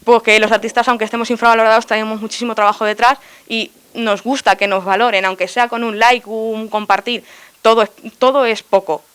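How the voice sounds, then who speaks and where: A woman's voice: a little high, flat delivery, fairly quick, a bit bright, clear, resonant tone. A young woman artist, answering interview questions earnestly and a little hesitantly. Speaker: artist guest.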